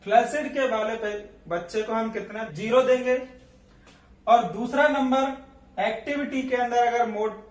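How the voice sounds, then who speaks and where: A man's voice: extremely high pitch, a little slow. A man teaching a nursing class as a lecture, asking questions and then answering them himself. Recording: echoey room, voice from a distance.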